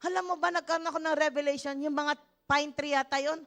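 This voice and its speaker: An older woman from the Philippines preaching a church sermon, animated, breaking into shouted hallelujahs and laughter. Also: high voice, quick pace. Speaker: pastor. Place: church service.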